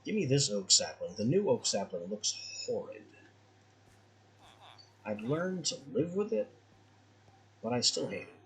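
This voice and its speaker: A man's voice: mid-range voice, very animated, unhurried, long pauses, a bit bright, rough recording. A man giving casual let's-play commentary as a gaming host, musing aloud in a wry, conversational way.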